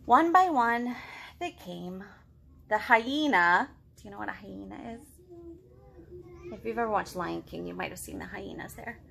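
A woman's voice: medium pitch, animated, unhurried, vocal fry, pauses often, fairly bright tone, a little hiss or hum. A woman in her thirties hosting a read-aloud storytime, talking expressively and directly to young children. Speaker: children's librarian, storytime host. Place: living room at home.

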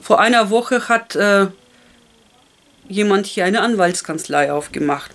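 Woman summarizing a book, lots of ähs and restarts, just chatting along, middle pitch. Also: animated, a little slow, fairly bright tone. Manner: chatty, with many fillers and self-corrections. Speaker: book reader and channel host. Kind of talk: casual retelling and reading aloud of a novel.

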